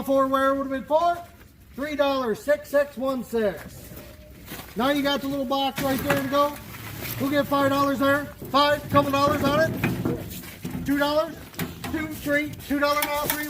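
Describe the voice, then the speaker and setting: A man runs an auction in a strikingly high voice. He chants prices over and over as an auctioneer, always asking for the next bid. The recording has clear background noise. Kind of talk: singsong repetitive auctioneer bid-calling. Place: live auction sale.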